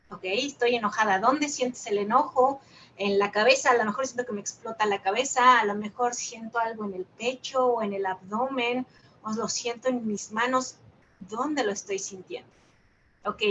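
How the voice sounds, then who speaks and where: A woman with a Mexican Spanish accent speaks calmly and reflectively, teaching a meditation group and asking rhetorical questions. Her voice is bright, sits a little high, and has a faint hiss of background noise behind it. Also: highs cut off. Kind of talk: dharma talk with guided reflection.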